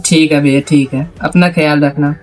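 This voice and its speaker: A man's voice: fairly high pitch, fairly even intonation, normal speed, low-quality recording. Hesitant man vlogging, faint music behind. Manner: hesitant, repetitive, rambling. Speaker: prank call video maker and host. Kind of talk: casual phone chat and vlog talk.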